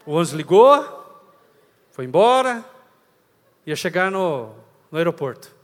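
A man preaching a storytelling sermon with a dramatic delivery, sometimes shouting. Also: a little high, very animated, a little slow, big-room sound.

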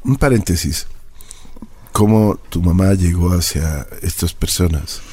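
A man's voice: deep voice, unhurried, darkish tone, breathy edge, dry recording. A man interviewing a guest with short prompting questions.

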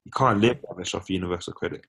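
A man with a fairly low voice shares opinions in a casual discussion. He is emphatic, breaking his points into short, firm phrases. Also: quick pace, gravelly, fairly bright tone, husky.

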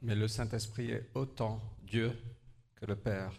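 A man preaching a sermon in short phrases, pausing for an interpreter, with an earnest, slightly halting delivery. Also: fairly low pitch, fairly even intonation, gravelly, darkish tone.

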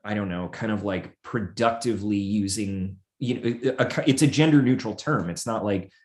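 A man co-hosting a podcast, musing in a halting way with lots of fillers. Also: fairly low pitch, darkish tone. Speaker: podcast co-host. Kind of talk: casual chat.

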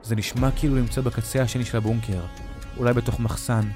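A man narrating a horror story, dramatic and slowing down at the frightening moments. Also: mid-range voice, flat delivery. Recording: narration over music.

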